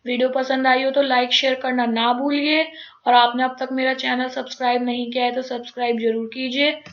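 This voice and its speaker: Woman teacher, high voice, slow measured syllabus walkthrough, slightly muffled audio. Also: little pitch movement. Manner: reads English lines slowly and deliberately.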